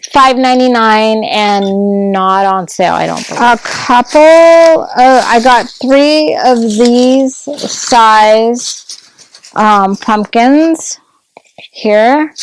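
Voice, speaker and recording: Woman showing off her haul at home, slow easygoing chat, gets all gushy, sometimes whispers. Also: a little high, a little hiss or hum, low-quality recording. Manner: chatty, gushing, drops to a whisper at times. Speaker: vlogger showing a craft haul.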